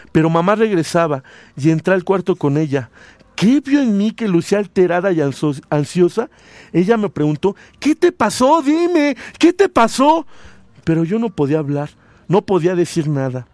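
High-voiced radio host, dry sound. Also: male voice, no room sound. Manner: expressive reading, voices quoted lines loudly. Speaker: radio host reading a story. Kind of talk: dramatic story reading, then casual radio chat.

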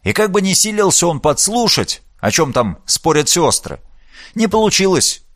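A man narrating a novel as an audiobook, reading in a theatrical, animated way. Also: high-pitched, normal speed, no echo, clean studio sound.

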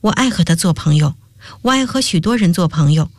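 A woman's voice: on the low side, lively intonation, fairly quick, no echo. A woman reading a radio story, voicing an earnest young male student who speaks hesitantly.

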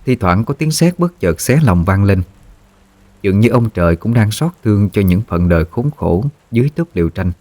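Low-voiced male horror storyteller. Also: lively intonation, moderate pace, a little mellow, no echo.

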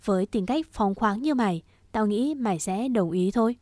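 Một người phụ nữ đọc giọng một gã trai trẻ thủ đoạn, nói giọng khiêu khích, chế giễu và hay chửi thề. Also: female voice, medium pitch, lively intonation, normal speed, a little mellow, dry recording, natural voice. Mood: taunting. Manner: mocking, swearing, provocative. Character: crude scheming young man, taunting and foul-mouthed.

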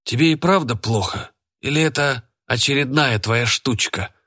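A man voicing a stern, angry father who speaks in sharp, cold, clipped lines in a spoken storybook. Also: medium pitch, moderate pace, voice pushed up.

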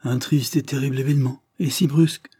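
A man's voice: medium pitch, moderate pace, mellow, slight background noise, close to an everyday voice. A man voicing a fretful male country lawyer in an audiobook, exclamatory in tone.

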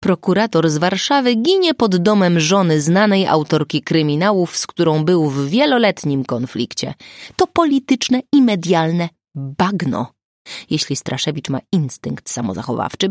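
A woman reading the lines of a sharp, decisive female friend in an audiobook, in a brisk, assertive manner with a creaky voice. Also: lowish voice, big pitch swings, no room sound, studio quality.

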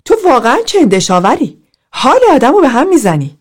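A woman voicing an outraged woman in group therapy who speaks in a loud, shrill, disgusted way. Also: very animated, slightly rough. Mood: furious.

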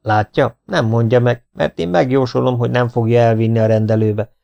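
An impatient middle-aged villager complains in a fed-up, exasperated tone, as a male reader puts him on. His voice is gravelly and low. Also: steady tone, dark tone, dull audio, close to an everyday voice.

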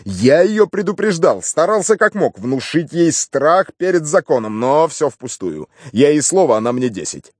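A man voicing a brash, gruff middle-aged police inspector in an audiobook, quick and emphatic. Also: on the high side, big pitch swings, dry recording, studio quality, pitched above the performer's own voice. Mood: blustering. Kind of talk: audiobook character voice.

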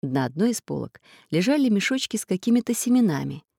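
A woman narrating a children's storybook in a lively, expressive way. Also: medium pitch, quick pace, gravelly, breathy edge, no echo, studio quality. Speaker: audiobook narrator.

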